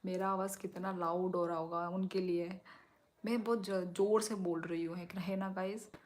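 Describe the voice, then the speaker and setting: A young woman from Tripura chatting casually on a phone live stream at home at night, reading viewers' comments and talking softly so she won't disturb the neighbours. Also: fairly even intonation, moderate pace. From Tripura, India. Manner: chatty, sways while talking, lowers voice to keep it down. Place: small room at home at night. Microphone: phone held or propped close.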